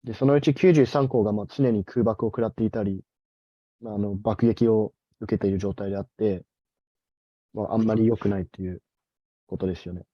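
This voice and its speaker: A man's voice: fairly low pitch, steady tone, racing, husky, dry recording. A man working as a live interpreter, rendering a speech from his notes with hesitant fillers over a video call. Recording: muffled lo-fi video-call audio.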